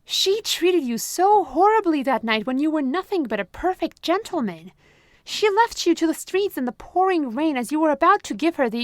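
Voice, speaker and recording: A voice actress plays a possessive therapist who controls her patient with calm sweetness, using a high, honeyed voice. The recording is close and dry with no echo or room around it, like an intimate ASMR roleplay.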